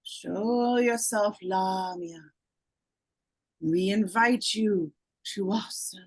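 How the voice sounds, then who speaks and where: A woman playing a solemn spirit medium with a creaky voice, intoning commands at a séance in a horror drama. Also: medium pitch, dry recording. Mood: solemn, eerie. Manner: slow, commanding incantation. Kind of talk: dramatic horror script reading.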